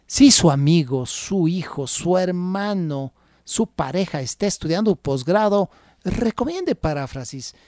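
Lively-voiced radio host dictating punctuation. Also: unhurried, dry recording, clean studio sound. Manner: dictates punctuation marks aloud and repeats each example; lively, varied pitch with frequent "ajá" asides. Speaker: host of an academic writing program.

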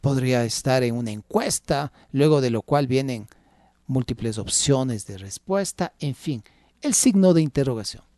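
A radio host teaching academic writing who reads punctuation marks aloud, repeats each example and drops in "ajá" asides. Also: normal speed. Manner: lively, varied pitch with frequent "ajá" asides.

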